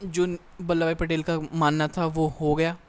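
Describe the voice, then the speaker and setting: A young man giving an exam-prep lecture, his voice smooth and clear and pitched a little high. He reads passages out slowly, then breaks them down in easy, conversational explanation. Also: level tone. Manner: reads English text slowly, then explains casually with frequent "theek hai". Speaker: teacher. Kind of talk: exam-prep lecture in Hindi mixed with English.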